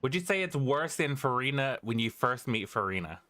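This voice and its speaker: Male streamer, informal gameplay chatter, bright lively delivery, close dry sound. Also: mid-range voice, moderate pace, no room sound. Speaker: game streamer. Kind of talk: casual gameplay commentary.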